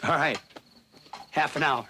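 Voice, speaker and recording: An actor playing a gruff, defiant frontier settler who talks curtly with rough grammar, heard from a worn tape copy. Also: male voice, a little high, measured pace, sharp tone. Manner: curt, plain-spoken, rough grammar. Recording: faint hiss of a worn VHS tape copy.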